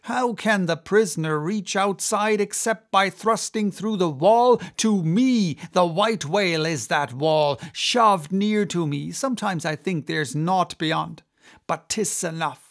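Guy doing an obsessed whaling captain for an audiobook, intense, creaky, draws words out slowly. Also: sits high, voice pushed up. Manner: intense, theatrical, declamatory. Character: obsessed, commanding, vengeful old male whaling captain.

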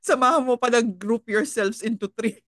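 A woman's voice: on the high side, dry recording, clean studio sound. Giggly woman co-hosting a podcast. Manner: giggly, reads misquotes slowly with laughs. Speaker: podcast co-host. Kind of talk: casual chat.

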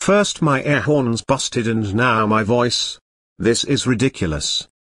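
A synthetic male voice playing a sulky, scheming troublemaker pupil in an animated video. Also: medium pitch, slow pace, slight background noise. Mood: grumbling. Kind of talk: animated school video dialogue.

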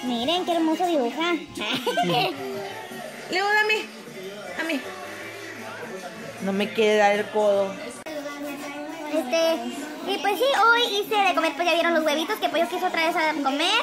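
A young Mexican woman vlogging at home in a high, bright-pitched voice. She chats lively and informally to her followers. Her talk stays casual and conversational. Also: a little slow, pauses often, over music. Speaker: vlogger and mother. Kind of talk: casual vlog chat.

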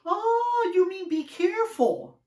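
A young woman's voice put on by a man jumps up high in surprise as she works out a meaning, breathy and bright. It sounds like an echoey room with the mic set some way off. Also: huge pitch swings, slow, recorded from a distance, exaggerated voice. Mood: realizing.

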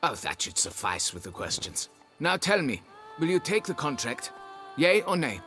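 A pompous, haughty nobleman in a fantasy role-playing game, who looks down on the hired help and fusses over his title. His voice sits mid-range but swoops about with theatrical, lively pitch. Faint music plays behind him. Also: moderate pace. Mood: grudging. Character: pompous snobbish middle-aged male nobleman, vineyard owner. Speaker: client hiring a witcher.

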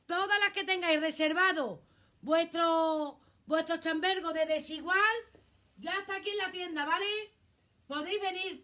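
High, bright-voiced Spanish shopkeeper woman. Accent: Spanish from Spain. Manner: chatty, exclamatory, reads out viewer comments, swears casually. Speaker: shop owner selling clothes on a live stream. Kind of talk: casual live-stream selling chat. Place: clothing shop.

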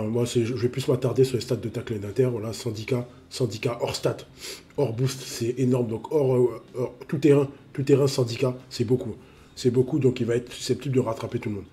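A man's voice: medium pitch, mellow. A man with a cold, sniffling as he reviews a mobile game card in a casual, repetitive way, full of fillers. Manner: repeats himself, full of fillers.

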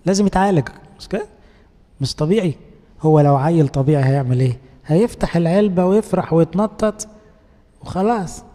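An Egyptian priest preaches in a relaxed, colloquial way, coaxing his listeners with rhetorical questions. His voice sits a little high but sounds mellow and dark. A long church reverb trails after each phrase. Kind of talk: conversational sermon.

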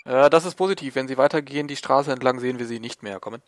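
A man's voice: medium pitch, fast. A man playing a military co-op game, switching between casual chat and clipped radio phrases on a close headset mic. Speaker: video game player. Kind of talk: casual chat and radio calls during tactical co-op gameplay.

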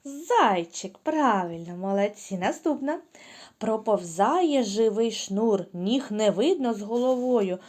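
A woman leads a lesson for small children, taking her time and stretching out each sound so they can copy her. Her voice rises and falls a great deal, and its tone is warm and mellow. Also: a little high, lively intonation. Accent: Ukrainian. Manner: slow, patient, drawn-out speech with sing-song sound drills. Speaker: preschool teacher.

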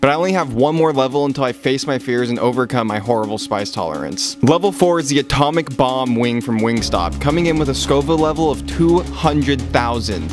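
A man's voice: mid-range voice, animated, a little fast, few pauses. A young man giving a casual voice-over narration for a vlog. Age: young adult. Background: music.

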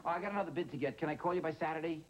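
A man's voice: a little high, very fast, crowd noise, lightly acted. An actor playing an easygoing but flustered man, a teacher, who stammers and restarts nervously in a sitcom. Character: easygoing, flustered middle-aged male teacher. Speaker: high school teacher. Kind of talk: sitcom acting.

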